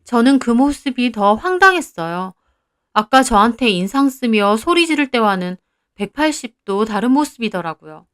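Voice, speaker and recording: A woman's voice: on the high side, big pitch swings, normal speed, a bit bright, clean tone, no echo, studio quality. A young woman narrating a first-person story in a confiding, conversational way.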